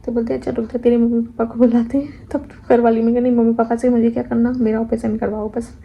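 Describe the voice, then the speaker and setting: A woman's voice: on the high side, fast talker, vocal fry, a little hiss or hum. A young woman vlogger, animatedly retelling a personal story in casual talk. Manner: animated retelling, acting out her own past cries. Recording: slightly dull lo-fi sound.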